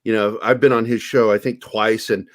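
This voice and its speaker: A man's voice: fairly low pitch, fairly even intonation, moderate pace. A man hosting a podcast in casual chat, joking crudely and laughing often. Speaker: podcast host.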